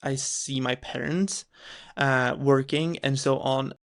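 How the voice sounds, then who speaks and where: A man from the Czech Republic with a Czech accent, hosting a podcast interview and asking questions in a halting way with many restarts and fillers. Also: medium pitch, steady tone, creaky. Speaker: podcast host. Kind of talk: casual interview chat.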